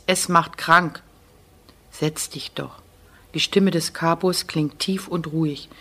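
A woman narrating an audiobook in a measured, expressive way. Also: medium pitch. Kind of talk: audiobook reading.

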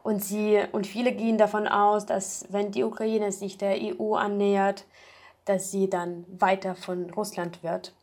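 A woman talking thoughtfully about a project in an interview, pausing often with fillers. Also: mid-range voice, level tone, darkish tone. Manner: thoughtful, hesitant with many fillers. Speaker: project member. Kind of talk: casual interview talk.

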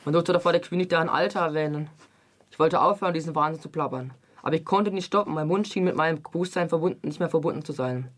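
A young man reading a novel excerpt aloud as a book reviewer, with a brisk, even delivery, then chatting casually about the book. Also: on the high side.

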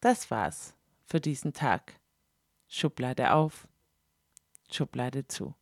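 A woman reading a first-person story aloud in a wry, deliberate way, with asides to her listeners. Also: rumbling low, expressive, no room sound, studio quality.

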